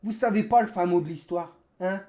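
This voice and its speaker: A man's voice: sits high, brisk, dark tone. A man livestreaming an angry gamer rant, indignant and sarcastic, hammering phrases with emphatic repetition. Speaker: livestreamer, sim racing gamer.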